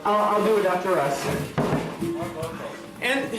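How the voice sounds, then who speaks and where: A man's voice: sits high, expressive, slow pace, loud music behind the voice. A man talking casually to the audience as a punk band singer between songs, rambling and swearing freely, in a live room recording through a PA. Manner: informal, profane, rambling. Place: small live music venue with PA. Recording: echoey live room recording, distant PA sound.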